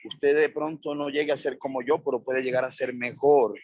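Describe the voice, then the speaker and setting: A man's voice: mid-range voice, fairly even intonation, moderate pace, darkish tone, husky, no room sound, lo-fi sound. A male pastor preaching a sermon, repeating phrases in emphatic lists.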